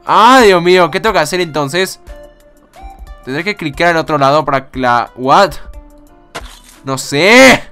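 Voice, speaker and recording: A young man casually commenting on a game, excitable, swearing and laughing often. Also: fairly high pitch, measured pace, pauses often, smooth, soft background music. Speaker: gaming YouTuber. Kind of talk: casual let's-play commentary.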